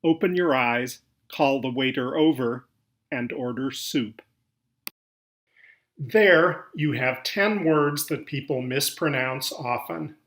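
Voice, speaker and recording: Slow, gravelly male narrator. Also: medium pitch, a bit bright. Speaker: English pronunciation narrator. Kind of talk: scripted narration.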